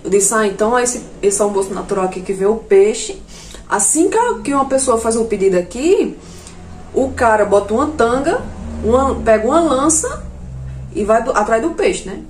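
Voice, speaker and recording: Animated woman telling a comic story. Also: moderate pace, a little hiss or hum. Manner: animated, jumps to shrill outbursts when quoting herself. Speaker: comedian. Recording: echoey room.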